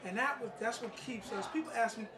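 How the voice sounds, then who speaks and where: This extremely high-pitched middle-aged man speaks a little fast over background music, informal and emphatic, plain-spoken and street-wise. He's a playwright and martial arts master giving an informal interview and presentation at an indoor gathering for a play reading. The recording is roomy and distant-miked, and other people can be heard.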